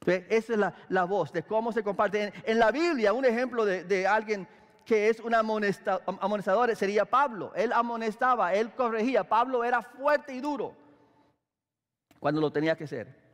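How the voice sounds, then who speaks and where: A man's voice: high-pitched, moderate pace. A middle-aged man preaching a conversational sermon as a pastor, with frequent fillers and restarts. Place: large church hall. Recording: echoey church hall.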